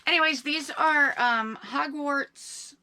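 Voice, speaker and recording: Casting note: woman, bright, higher voice, chatty reseller co-host who teases. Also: slow, a little hiss or hum, low-quality recording. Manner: teasing, chatty. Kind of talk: casual chat.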